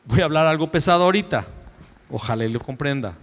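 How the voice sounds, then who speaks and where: A male pastor preaching a sermon, swinging between loud raised lines and hushed low asides. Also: expressive, fast talker, in a large hall. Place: church sanctuary.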